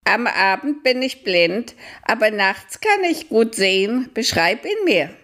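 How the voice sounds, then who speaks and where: A woman voicing a talking owl with a high, slow, drawn-out hooting voice. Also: big pitch swings, fairly bright tone. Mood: eerie.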